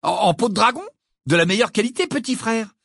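A man's voice: a little high, animated, quick pace, fairly bright tone, husky, dry recording, clean studio sound, voice pushed up, full character voice. A man doing a cocky teasing young twin. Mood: smug.

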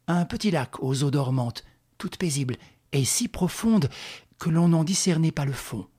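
A man reading a novel aloud as audiobook narration, in a grave, measured storytelling manner. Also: mid-range voice, darkish tone, husky. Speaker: reader.

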